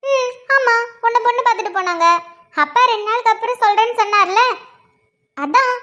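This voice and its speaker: A woman voicing a mischievous younger sister in an animated cartoon, teasing and gleeful. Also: extremely high pitch, a little fast.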